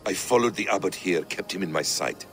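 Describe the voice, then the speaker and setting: Actor as solemn male warrior mentor, very low voice, guarded, measured, formal, game dialogue, faint background ambience. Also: slight background noise, natural voice. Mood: grave, guarded. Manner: measured, grave, formal phrasing. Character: watchful, solemn hooded warrior man, cautious mentor. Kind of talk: video game dramatic acting.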